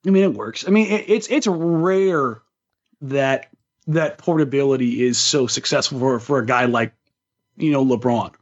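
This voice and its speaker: On this slightly dull, lo-fi recording, a male sports podcast co-host speaks at a normal speed with a medium-pitched voice. He chats easily about basketball, using slang and plenty of emphasis.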